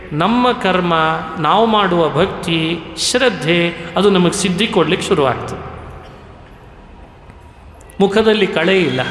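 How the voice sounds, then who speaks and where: A man giving a devotional sermon, speaking in a slow, measured way and now and then chanting verses. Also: sits high, a bit bright, a little hiss or hum. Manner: slow and measured, breaks into sung Sanskrit verses. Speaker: religious discourse speaker. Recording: echoey hall with faint ambience.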